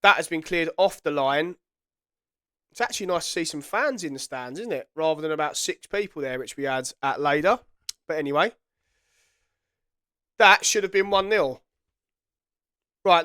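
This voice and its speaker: Playing a football management game, this YouTuber chats away and keeps correcting himself, all while nursing a head cold. The studio recording is clean and free of room sound, and his voice is on the high side, a bit bright and clean.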